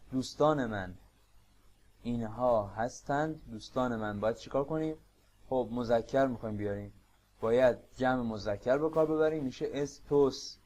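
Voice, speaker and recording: A Persian-accented man teaching a beginner language lesson, explaining patiently and repeating phrases slowly. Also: medium pitch, darkish tone. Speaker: Spanish teacher.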